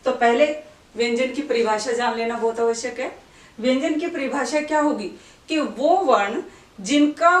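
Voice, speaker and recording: A woman's voice: on the high side, distant mic. A woman teaching a grammar lesson, explaining step by step, asking questions and answering them herself, and asking the listener to say words along with her. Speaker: Hindi teacher. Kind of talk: classroom-style grammar lesson. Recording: echoey room, voice away from the mic.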